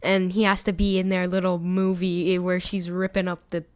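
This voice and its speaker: A woman's voice: on the low side, completely flat delivery, moderate pace, clear, resonant tone. A woman giving casual reaction commentary as a video host, sarcastic and mock-serious. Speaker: YouTube commentator.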